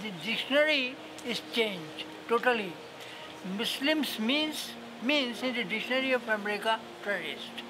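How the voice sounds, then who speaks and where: Terse man over loud background noise. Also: extremely high pitch, lively intonation, normal speed. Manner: terse, emphatic, non-native phrasing. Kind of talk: interview answers.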